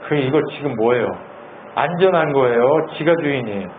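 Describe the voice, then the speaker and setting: A male pastor preaching a sermon in an animated, conversational way, asking the congregation lots of questions. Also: mid-range voice, brisk. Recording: tinny phone-like sound, faint hiss.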